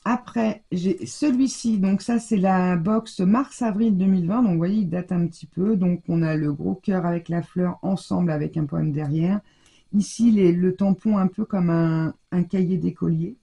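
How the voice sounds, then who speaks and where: A woman's voice: fairly low pitch, moderate pace, vocal fry, dark tone. A French woman casually showing her scrapbooking haul, chatty and rambling, with a scratchy throat and a stuffy nose. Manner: chatty, rambling, many fillers. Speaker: scrapbooking vlogger. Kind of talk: casual show-and-tell haul.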